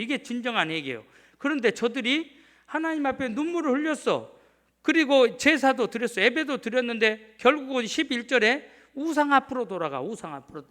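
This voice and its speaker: High-voiced preaching male pastor. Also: a bit bright. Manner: emphatic preaching, often prompting the congregation. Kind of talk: sermon. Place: church sanctuary.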